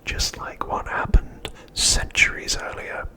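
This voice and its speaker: Reading a prepared recap for ASMR, a man keeps to a breathy whisper with almost no voicing. He sounds hushed and measured, soft and steady, much like someone quietly telling a story.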